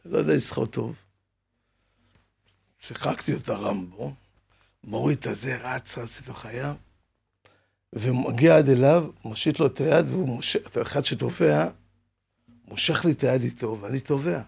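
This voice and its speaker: As an interview guest from Israel, a man recounts his life with theatrical flair, performing the quotes of others in his story. His medium-pitched voice is creaky, a little mellow and husky, and he pauses often.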